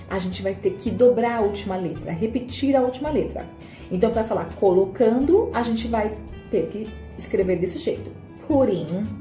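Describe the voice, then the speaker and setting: A woman teaches English grammar in an echoey room, with faint music playing behind her. Her voice sits a little high but sounds mellow and warm. She is patient and playful, and keeps checking in with her viewers. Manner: patient, playful, repeats rules with "né?". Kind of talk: video lesson explaining grammar.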